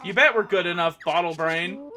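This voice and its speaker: A woman voicing a loud, sharp-tongued bird who squawks and shouts. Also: fairly low pitch, lively intonation, moderate pace, faint music behind. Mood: snarky.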